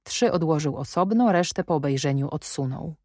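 A woman narrates a classic novel in a measured, even way. Her voice is low, recorded close and dry. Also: no echo. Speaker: audiobook narrator. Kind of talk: scripted narration.

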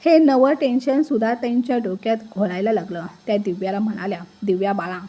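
A woman narrating an emotional family story in a measured, feeling way. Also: on the high side, steady tone, mellow, husky.

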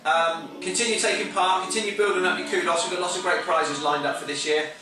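A man's voice: high-pitched, steady tone, fast, a crowd in the background. A man, hosting a prize draw in a casual, upbeat way and calling out numbers and names. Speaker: website host running a prize draw. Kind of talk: casual announcing. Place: small office, indoors. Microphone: far camera. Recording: echoey office from far off with music. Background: pop music playing.

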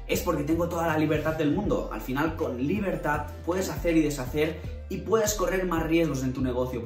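A man's voice: mid-range voice, distant mic. A man in his twenties from Spain talks loosely to the camera, tagging questions onto his sentences. His voice sits a little back from the mic in a roomy bedroom. Faint music plays behind him. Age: 20s. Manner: conversational, many fillers and tag questions. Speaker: vlogger. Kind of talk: casual talk to camera. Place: bedroom indoors. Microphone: camera at desk distance.

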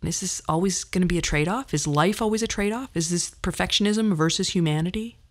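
Speaking quickly in a fairly low voice, a podcast host in her fifties shares personal stories in a conversational monologue. She comes across as candid, wry and self-deprecating.

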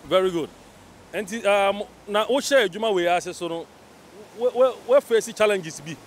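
A man's voice: high voice, normal speed. A man with a Ghanaian accent hosting an interview, chatty and switching between English and Twi. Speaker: interviewer host. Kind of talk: casual interview. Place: outdoors on a beach by the sea. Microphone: handheld mic. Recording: faint outdoor traffic noise.

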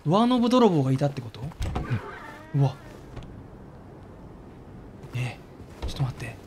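A game streamer with a mid-range voice and big pitch swings gives jumpy let's play commentary at a moderate pace, yelping and squealing whenever something scares him. His voice sits over game music with some background noise.

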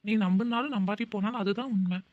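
Cartoon role: a woman playing a curt, sarcastic young boyfriend, rattling lines off very fast on dull lo-fi audio. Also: mid-range voice, close to an everyday voice. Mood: dismissive. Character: young man, cold and bitter boyfriend. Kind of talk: cartoon voice acting.

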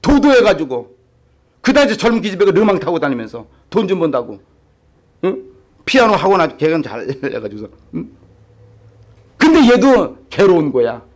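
Lively, animated man preaching a sermon. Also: a little high, normal speed, long pauses. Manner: animated, acts out quoted voices, asks the congregation questions. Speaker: pastor. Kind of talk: storytelling sermon.

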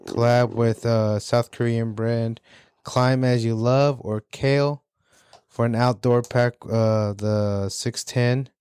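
Smooth-voiced man in slangy banter. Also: mid-range voice, a little mellow, dry recording, studio quality. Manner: loose, joking, slangy banter. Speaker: podcast co-host. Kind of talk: casual chat about sneakers.

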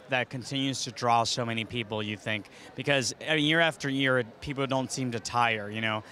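A man in his thirties interviews guests with a handheld mic during a live event in a large indoor arena. His mid-range voice is bright and forceful, and his manner upbeat and chatty.

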